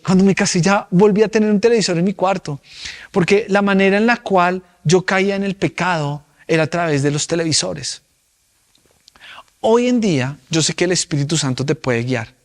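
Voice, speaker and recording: A young man preaching a sermon as pastor, emphatic and full of rhetorical questions to his congregation. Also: high-pitched.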